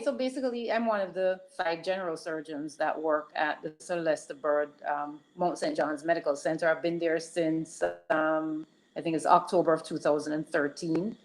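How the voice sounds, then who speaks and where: Low-voiced woman on crackly phone line. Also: fairly even intonation, moderate pace. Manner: hesitant, many ums and restarts. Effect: crackly static phone line. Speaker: guest general surgeon. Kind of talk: call-in interview answers. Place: calling in by phone.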